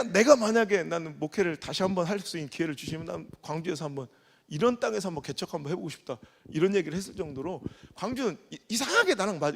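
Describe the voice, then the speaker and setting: High-voiced preacher in a reverberant hall. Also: male voice, creaky, breathy edge. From Korea. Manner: animated storytelling, acts out dialect dialogue, swings from soft to loud. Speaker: pastor. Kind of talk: revival sermon. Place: large church sanctuary. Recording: long church hall reverb.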